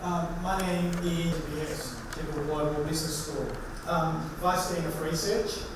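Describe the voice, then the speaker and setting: A man with an Australian accent, an associate professor speaking to an open-house audience in a measured way, with frequent ums. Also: a little high, little pitch movement. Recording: very echoey hall with background noise.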